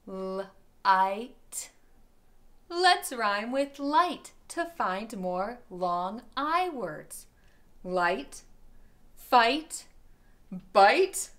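A woman teacher giving a children's phonics lesson, sounding out each word slowly and clearly for young learners. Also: mid-range voice, bright, forceful tone.

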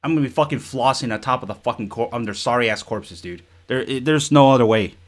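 A man giving live gameplay commentary, ranting in an exasperated, profane way that swings between shouting and low muttering. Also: fast. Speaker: gaming channel host.

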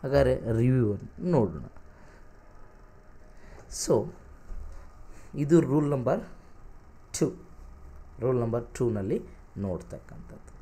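A male English teacher with a Kannada accent, leading an online exam-prep class. His voice sits at a middling pitch for a man. He mixes Kannada and English, reads word pairs aloud one after another and stops to ask whether the class is following. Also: expressive, slow pace, long pauses, warm tone.

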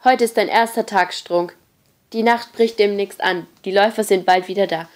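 A woman reading an audiobook, voicing a gruff, bossy teenage boy who leads the group and barks orders loudly. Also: medium pitch, fairly even intonation, moderate pace, lightly acted. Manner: loud, barking orders.

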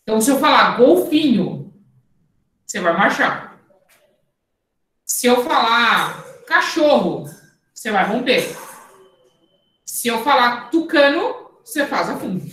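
A woman's voice: on the high side, big pitch swings, slow, pauses often, fairly bright tone. A woman fencing coach with a Brazilian Portuguese accent, patiently explaining technique and calling out drill commands in an online class. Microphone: camera mic, moving away at times. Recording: echoey room.

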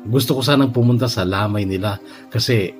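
A man reading a listener's letter aloud as a first-person story, steady and measured with emotional lifts. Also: fairly low pitch. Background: soft background music.

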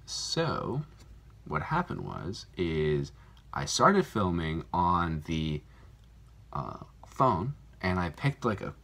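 A man's voice: deep voice, wildly swooping pitch, slow, gravelly, fairly bright tone. A man hosting his own channel, talking casually to camera in a rambling, self-deprecating way full of fillers, recorded on a phone. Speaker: YouTuber, channel host. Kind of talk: casual vlog talk to camera. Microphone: phone camera mic.

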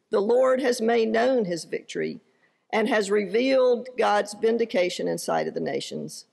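A woman pastor preaches slowly and earnestly, her voice carrying a gravelly fry. She is recorded in a church sanctuary, and the sound trails off into a long hall reverb. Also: medium pitch, darkish tone. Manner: measured, earnest delivery with light self-deprecating asides. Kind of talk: sermon with scripture reading.

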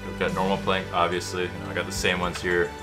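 A man with a very low voice talking through a mock magic tutorial in a casual, offhand way. He sounds boastful and sure of himself, like a self-styled expert, with music playing clearly behind him. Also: completely flat delivery, quick pace. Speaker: YouTuber.

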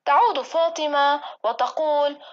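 Woman narrator, steady school-play reading, high voice, dull recording. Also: a little slow, slight background noise.

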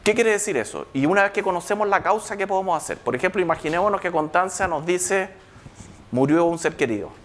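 A man's voice: high voice, expressive, quick pace, slight background noise. A man giving a live public lecture, checking in with the audience through constant rhetorical questions.

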